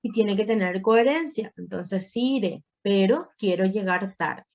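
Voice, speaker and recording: A woman's voice: mid-range voice, unhurried, a little mellow, highs cut off. A woman teaching a Spanish grammar class online, explaining patiently with playful asides to her students.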